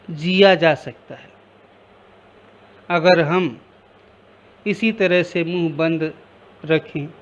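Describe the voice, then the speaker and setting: A male teacher speaks slowly and deliberately, pausing to explain words in simple terms. His voice sits high for a man. The recording is slightly muffled and lo-fi. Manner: slow, explanatory, repeats words with simple meanings. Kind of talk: reading a story aloud and explaining words.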